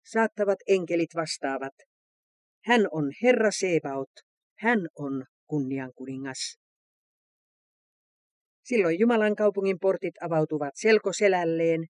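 High-voiced man reading solemn scripture. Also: dry recording. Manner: solemn, measured.

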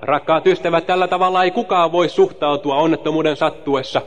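A man interpreting a sermon phrase by phrase, in a steady relay with occasional slips and restarts. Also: fairly high pitch.

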